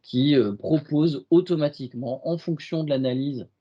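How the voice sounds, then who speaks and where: A man with a French accent presenting a software demo in a webinar, hesitant and full of fillers and restarts. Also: a little high, normal speed, lo-fi sound.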